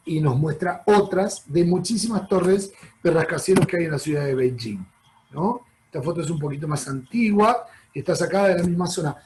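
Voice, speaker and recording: A man's voice: a little high, a little mellow, low-quality recording. A man with a Rioplatense Spanish accent giving a chatty, explanatory travel talk over slides, often checking in with his audience. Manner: chatty, addresses audience as "chicos"; explanatory, frequent "¿ok?" check-ins. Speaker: travel presenter.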